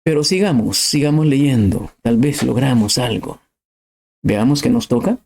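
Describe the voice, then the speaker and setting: A man's voice: mid-range voice, lively intonation, unhurried, creaky, a little mellow. A middle-aged man preaching a sermon, impassioned and emphatic, rising to cries.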